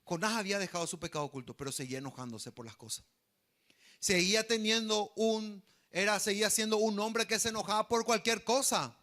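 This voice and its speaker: A man preaching a sermon, animated and questioning the congregation. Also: high-pitched, fairly quick. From Paraguay. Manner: animated, asks the congregation questions, acts out quoted voices. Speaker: pastor.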